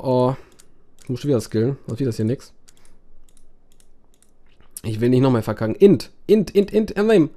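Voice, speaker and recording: A man's voice: medium pitch, a little mellow. A man doing let's play commentary on a browser game, swearing and groaning at it with sudden dramatic outbursts, his voice strained from talking for hours.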